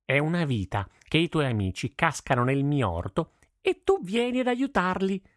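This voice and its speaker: A man's voice: a little high, wildly swooping pitch, normal speed, dry recording, clean studio sound, voice pushed up. A man voicing a toothless, furious old farmer who scolds and grumbles in a storybook reading. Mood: scolding.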